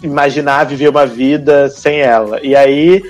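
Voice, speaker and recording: A man's voice: medium pitch, fairly even intonation, moderate pace, a little mellow. A man, a podcast co-host who reviews a film in a casual chat, blunt and sarcastic, and swears freely.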